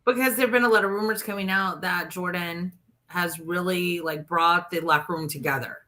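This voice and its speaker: A woman's voice: fairly low pitch, fairly even intonation, normal speed, bright, forceful tone. A woman hosting a sports podcast, talking candidly in a chatty way, full of "like" and "literally.". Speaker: podcast host. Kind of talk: casual sports chat.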